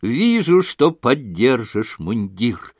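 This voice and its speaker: A man voicing a brisk, hearty young male lieutenant in an audiobook. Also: mid-range voice, very animated, a little mellow, husky, no echo, clean studio sound, heavily acted. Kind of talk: audiobook reading.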